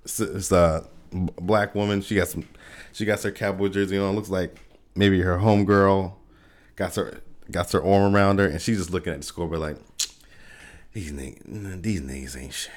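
A man's voice: deep voice, fairly even intonation, normal speed. A man hosting a casual solo podcast, laughing often and restarting his sentences as he talks. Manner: loose, laughing, lots of restarts and repeated words. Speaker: podcast host.

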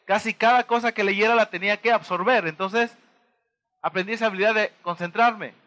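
A man with a Mexican accent giving a motivational talk to an audience, pausing to throw them rhetorical questions and act out little dialogues. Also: high-pitched, fairly even intonation, bright, forceful tone, lo-fi sound. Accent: Mexican Spanish. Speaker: motivational speaker.

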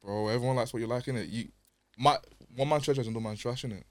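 A man's voice: mid-range voice, very fast, no echo. A young man with a London accent and roadman slang, bantering casually on a group podcast. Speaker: podcast participant.

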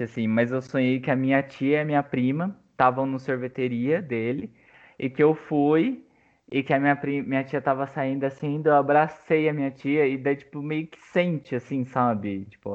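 A man's voice: mid-range voice, darkish tone. Young man telling a story, tinny phone-like sound. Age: young adult. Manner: emotional, rambling, halting, with many fillers. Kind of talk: casual chat, personal storytelling.

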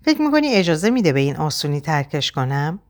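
A woman's voice: low voice, very animated, a little mellow. A woman reading the part of a young married woman torn between her husband and a lover, voiced with pleading emotion. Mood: distressed.

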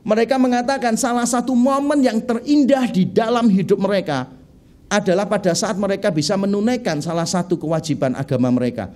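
A middle-aged man preaching a sermon in a conversational, animated way, telling humorous stories. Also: very high-pitched. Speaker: pastor.

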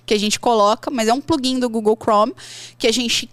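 Animated high-voiced Brazilian woman teacher. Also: a little fast, no room sound. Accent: Brazilian Portuguese. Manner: animated, acts out learners' complaints in a high voice. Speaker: English teacher. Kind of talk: conversational podcast advice.

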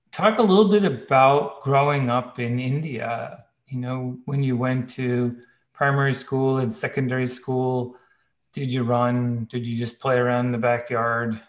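In an echoey room, a man with a mid-pitched voice acts as interviewer. He speaks conversationally and wanders through his questions in several parts. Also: steady tone, unhurried.

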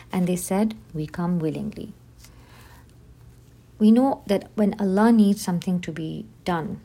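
Female teacher, low warm gravelly voice, measured scripted delivery of a religious lesson. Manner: measured, reads definitions as slow lists. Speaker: podcast host teaching on Islam.

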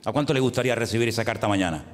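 A man preaches in a church, his voice carrying a long echo through the hall. He builds each point with rising emphasis and throws rhetorical questions to his listeners. His pitch sits in a middle register. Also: racing. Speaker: pastor. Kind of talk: sermon.

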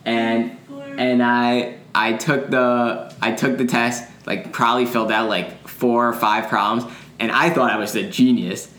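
A man's voice: mid-range voice, a bit bright. A young man co-hosting a podcast, telling stories in a rambling casual way with many fillers and restarts. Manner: rambling, filler-heavy storytelling with frequent restarts. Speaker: podcast co-host. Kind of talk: casual chat. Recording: echoey room.

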